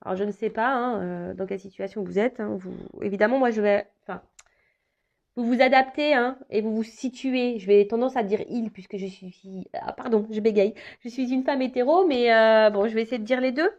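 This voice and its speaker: Woman tarot reader talking casually to viewers, halting delivery full of fillers, slightly muffled recording. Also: on the high side, a little mellow. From France. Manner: hesitant, many fillers and restarts.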